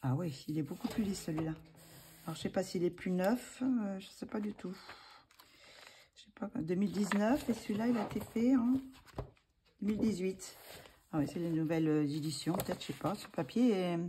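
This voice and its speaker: A woman's voice: on the low side, normal speed, dark tone, slight background noise. A woman talking casually as a vlogger, hesitant and full of fillers as she thinks aloud. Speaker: vlogger showing coloring books. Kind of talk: casual chat.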